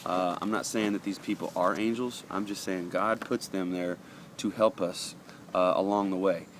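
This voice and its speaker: Reading passages aloud in a casual daily devotional, a man with a very low voice speaks earnestly and conversationally, often pausing on fillers. He sounds slightly sniffly from allergies, keeps a steady tone at normal speed, and faint traffic hums behind him.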